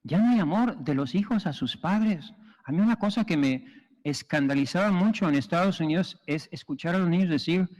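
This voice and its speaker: A priest preaching a sermon and telling stories with humor in an animated way, in a long church reverb. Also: male voice, sits high, fairly quick.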